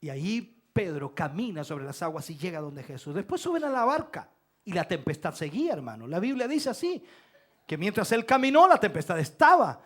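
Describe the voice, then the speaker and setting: High-voiced pastor preaching. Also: male voice, big pitch swings, a little fast. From Chile. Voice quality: dramatic preaching, bursts into shouts. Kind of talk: sermon. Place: church.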